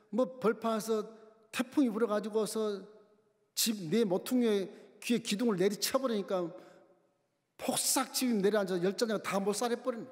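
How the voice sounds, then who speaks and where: A man's voice: sits high, a little mellow. A man preaching a sermon as pastor, telling the story animatedly and acting out its dialogue. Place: church sanctuary. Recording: long church hall reverb.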